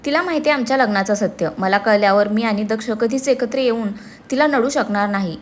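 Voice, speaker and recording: A woman's voice: fairly high pitch, fairly quick, close to an everyday voice. A woman voicing a fiery, emotional young woman. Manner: emotional, feisty.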